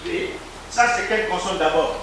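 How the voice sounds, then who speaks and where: A Congolese man lecturing a university Hebrew class coaxes his students, quizzing them with repeated questions and prompts. His voice sits high and he talks at normal speed. The classroom is echoey and noisy, recorded from far off.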